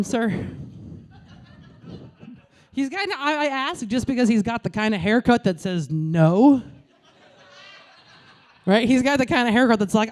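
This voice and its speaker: A woman in her late thirties works a comedy club stage, talking into a handheld mic. Her voice sits high, and her delivery is brash and crude. She tosses deadpan asides straight at the crowd. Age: late 30s. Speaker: stand-up comedian. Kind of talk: stand-up comedy set.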